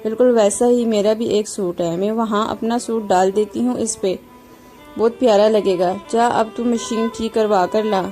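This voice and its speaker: A woman's voice: mid-range voice, steady tone, dark tone, faint music behind, lightly acted. A woman reading as a kind old mother-in-law. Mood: gently scolding. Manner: affectionate, mildly scolding. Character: kind older mother-in-law, gentle and scolding.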